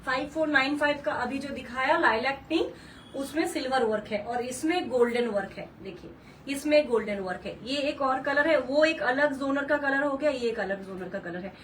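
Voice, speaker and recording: A woman's voice: sits high, normal speed, distant mic, slight background noise, poor audio. A woman hosting a live saree sale, gushing and repeating color names, mixing English words into Hindi. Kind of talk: live-stream sales pitch.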